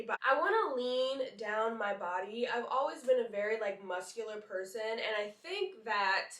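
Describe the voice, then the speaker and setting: Congested from a cold, a young woman vlogger and model talks casually to her vlog camera in a somewhat high, nasal, slightly bright voice, dropping "like" all through. She sounds a little distant from the mic, and the echoey room makes her voice ring.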